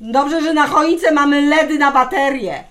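A woman's voice: high voice, fairly bright tone. An actress playing a self-assured, stubborn middle-aged wife in a radio comedy. She talks firmly, teases and takes her time. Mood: fretting. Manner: firm, teasing, unhurried.

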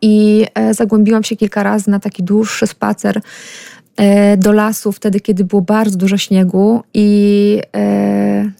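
Gravelly-voiced woman, even and unhurried. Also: medium pitch, no room sound, clean studio sound. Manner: thoughtful, hesitant with many fillers. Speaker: forest bathing guide, radio guest. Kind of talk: casual radio conversation.

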